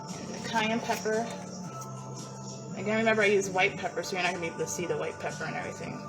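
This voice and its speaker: A woman's voice: mid-range voice, fast. A woman from New Jersey with a New Jersey accent, chatting playfully and giggling as she demonstrates a recipe in her home kitchen. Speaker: cooking vlogger. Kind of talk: casual cooking demonstration. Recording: loud music playing behind her. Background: hip hop and EDM music.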